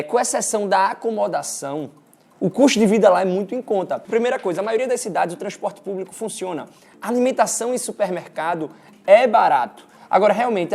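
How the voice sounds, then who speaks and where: A man with a Recife accent, presenting an informal explainer for an exchange agency and talking straight to his viewers with lively emphasis. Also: high-pitched, creaky. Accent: Recife, Brazilian Portuguese.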